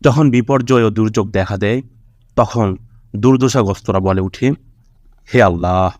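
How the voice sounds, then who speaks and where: A man reading a devotional audiobook aloud in a solemn, measured way, with prayerful appeals. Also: fairly low pitch, a little mellow, no echo. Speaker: audiobook narrator. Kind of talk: scripted religious audiobook narration.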